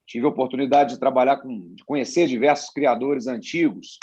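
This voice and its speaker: A man with a Brazilian accent, a horse auction guest, answering slowly and repeating words as he thinks. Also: medium pitch, mellow, breathy edge. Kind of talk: interview answer. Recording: dull, dry sound.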